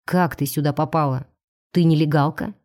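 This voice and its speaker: A woman's voice: deep voice, fairly even intonation, normal speed, darkish tone, pitched below the performer's own voice, natural voice. A woman reading an audiobook, voicing a cold, commanding male alien starship captain. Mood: interrogating.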